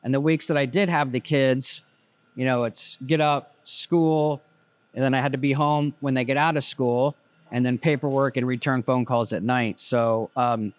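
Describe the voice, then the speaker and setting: His voice mid-range, clear and resonant, this man in his fifties speaks at a moderate pace with fairly even intonation, and there is no room sound. As a business-owner guest in a casual interview, he reflects plainly on his story, often saying "you know."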